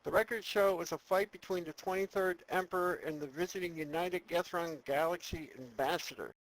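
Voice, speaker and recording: Man playing a high-voiced, cautious imperial space advisor. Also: brisk, dry recording, natural voice, rough recording. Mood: dutiful. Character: cautious, deferential advisor to an evil space emperor. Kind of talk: comedic audio drama acting.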